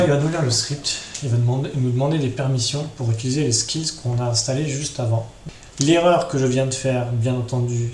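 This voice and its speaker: This tutorial host has a mid-range voice with a slightly mellow quality. Speaking straight to his viewers, he guides them through a casual, step-by-step screen-share lesson, captured with roomy echo and clear background noise.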